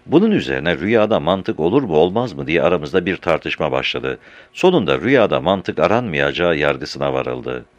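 A man reading a story aloud in an animated, expressive way, changing his voice for each character. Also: extremely low pitch, moderate pace, no echo, lo-fi sound. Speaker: narrator.

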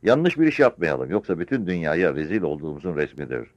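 A man's voice: low voice, sing-song, quick pace, no echo. A man voicing a cautious soldier who urgently and deferentially advises his captain.

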